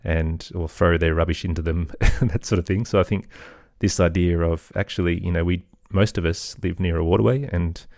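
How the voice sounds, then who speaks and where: Deep and gravelly with a darkish tone, this middle-aged man's voice comes through a dry, clean studio recording. He's a musician and storyteller guesting in an interview, offering reflective, loosely worded answers peppered with "sort of" and "kind of."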